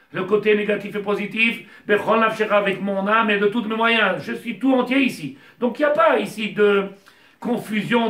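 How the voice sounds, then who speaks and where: A man teaching a Torah lesson with passion, his voice climbing to near-shouting as he mixes in Hebrew terms. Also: sits high. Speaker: rabbi teacher. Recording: echoey room, mic at a distance.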